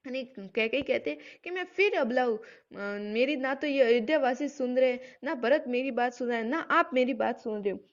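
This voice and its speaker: A woman teaching a literature lesson. She recites verses slowly and draws them out, then explains them in plain talk. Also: high-pitched, dull audio.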